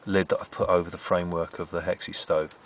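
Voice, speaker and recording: Deep-voiced man chatting at a camp stove. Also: little pitch movement, quick pace, slight background noise. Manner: chatty, rambling, cheerful, with "me" for "my". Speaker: outdoor cooking vlogger. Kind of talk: casual camp cooking commentary. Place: under a tarp in rainy woods at night.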